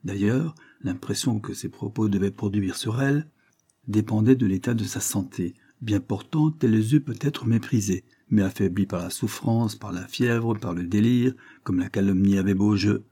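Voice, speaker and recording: A man reads a classic novel aloud in a low, husky voice. His warm, mellow tone carries measured, expressive narration. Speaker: audiobook narrator.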